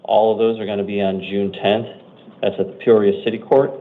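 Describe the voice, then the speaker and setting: A man's voice: on the low side, level tone. Matter-of-fact American male judge, phone-like sound. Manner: brisk, matter-of-fact, routine delivery. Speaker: judge or commissioner at initial appearance hearings. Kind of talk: procedural courtroom announcements. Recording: muffled phone-like courtroom audio.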